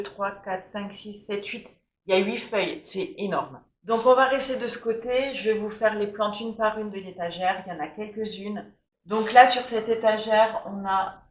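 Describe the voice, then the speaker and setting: A woman giving an enthusiastic, chatty tour of her houseplants, with plenty of fillers. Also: medium pitch. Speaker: plant vlogger. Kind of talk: casual plant tour. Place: room at home. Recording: echoey room.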